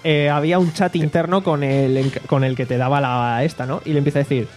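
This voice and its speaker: Man, rambling anecdotes, higher pitch, faint music. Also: fairly even intonation, a little fast, darkish tone. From Alicante, Spain. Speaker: podcast co-host. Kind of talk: casual storytelling chat. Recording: faint guitar music behind.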